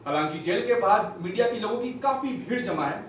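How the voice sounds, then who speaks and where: Guy playing a proud tv reporter, formal, fairly high voice, echoey stage sound from far. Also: expressive, fairly quick, slight background noise. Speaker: stage actor. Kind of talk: stage play acting. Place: theatre stage. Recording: echoey hall, captured from far off.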